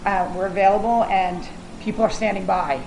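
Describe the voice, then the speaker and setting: A woman's voice: medium pitch, steady tone, a little fast, vocal fry. Effusive American woman in an echoey room. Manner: effusive, emphatic, joking. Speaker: culinary consultant and caterer being interviewed. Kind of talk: promotional, chatty interview talk. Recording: echoey room with ambient noise.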